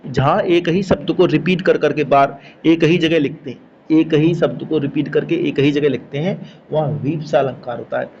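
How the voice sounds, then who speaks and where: A man's voice: a little high, normal speed. Male Hindi teacher, repetitive explaining. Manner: explains step by step, repeats key words, asks checking questions. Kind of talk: Hindi grammar lesson. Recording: slightly dull recording with faint background noise.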